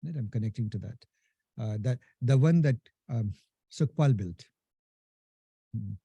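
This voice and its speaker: A man with a thick Indian accent, from India and Nepal, delivers an informal live technical lecture, speaking to the "guys" in class with many "right?" tags and restarts. His medium-pitched voice is slightly slow, dark and husky, in a dry recording.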